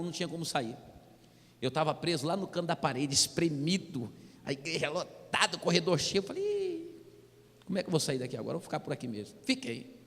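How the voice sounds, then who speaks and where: A man with a Brazilian accent giving a humorous church testimony, animated and constantly addressing the listeners as brother. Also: a little high. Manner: animated storytelling, keeps calling listeners "brother". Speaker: testimony speaker. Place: church hall. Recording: reverberant church hall.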